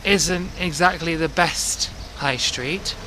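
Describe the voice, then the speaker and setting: Riding buses and walking through towns, a man narrates his travel vlog in a chatty, warm, reflective way. His voice is a little high and he speaks slowly, while traffic and street sounds are loud around him.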